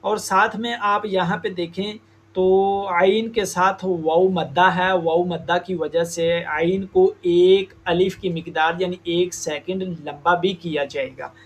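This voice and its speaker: A man gives a recitation lesson in a fairly high voice, slowly and deliberately. He draws out the sounds he demonstrates. A faint hiss of room noise runs underneath. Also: steady tone. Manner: slow, deliberate explanation with drawn-out demonstrated sounds. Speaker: Quran recitation teacher. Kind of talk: tajweed lesson.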